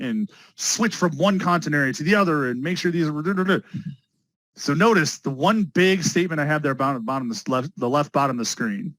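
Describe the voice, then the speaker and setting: A man teaching a test prep class live, energetic and talking straight to his students, often repeating key words. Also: mid-range voice, dry recording, rough recording. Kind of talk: live online class lecture.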